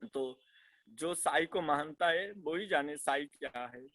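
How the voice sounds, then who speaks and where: A young man speaks in a fairly high voice, recorded close and dry with no room sound. He tells his own story earnestly and emotionally, stumbling, restarting and repeating phrases as he goes. It sounds like heartfelt personal testimony. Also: slow pace, a bit bright, no echo. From West Bengal, India. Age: young adult. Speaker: devotee sharing his experiences.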